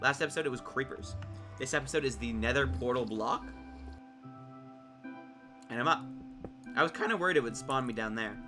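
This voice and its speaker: A man giving casual, excitable gameplay commentary, rambling to his viewers while he builds, his voice cracking from overuse. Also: mid-range voice, a little fast, long pauses, music in the background. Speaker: gaming video creator.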